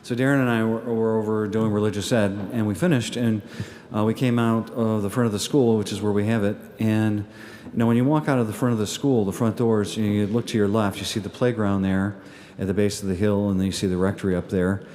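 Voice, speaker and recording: A man's voice: fairly low pitch, steady tone, fairly quick, dark tone. A man, the pastor, giving a chatty, folksy homily at Mass, with many fillers and restarts. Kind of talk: casual homily with an appeal. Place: church at Mass.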